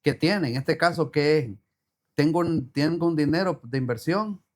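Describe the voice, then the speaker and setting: Here the interviewed entrepreneur's voice sits fairly high and moves at a normal speed. His casual conversation leans preacherly as he earnestly repeats himself and draws on Bible verses.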